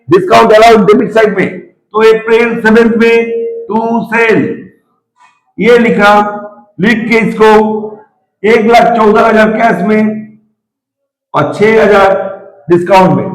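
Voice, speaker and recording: A man teaching an accountancy lesson to students, speaking directly to them, repeating figures slowly and mixing English accounting terms into his talk. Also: high-pitched, roomy sound, poor audio. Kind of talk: informal classroom-style lesson.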